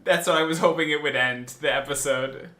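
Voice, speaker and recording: A man in a casual reaction chat with a drawn-out, animated delivery. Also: fairly high pitch.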